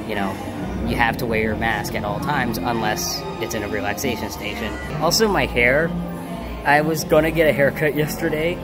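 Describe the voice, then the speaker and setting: A man chatting casually and in a rambling, conversational way as a theme park vlogger. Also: medium pitch. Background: loud music.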